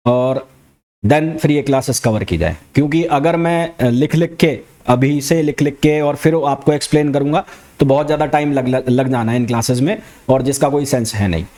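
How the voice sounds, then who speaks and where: A man with an Indian accent teaching a fast revision physics lecture, talking quickly and repeating key terms back as questions. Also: mid-range voice, mellow. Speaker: physics educator.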